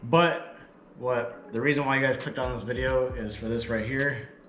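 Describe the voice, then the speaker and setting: A man's voice: medium pitch, fairly even intonation, normal speed, fairly bright tone, a little hiss or hum. A tired, slightly out-of-breath man casually rambling to his viewers as he unboxes and reviews a product. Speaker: vlogger. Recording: echoey room with background music.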